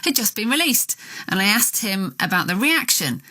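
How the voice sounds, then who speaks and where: A woman's voice: medium pitch, very animated, moderate pace, pushed and bright. A woman host interviewing a musician and presenting his song choices in a chatty way.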